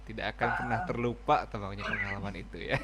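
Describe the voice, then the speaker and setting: A man's voice: lowish voice, flat delivery, quick pace, a loud crowd. Man hosting a radio talk show. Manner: frequent short affirmations, moderating.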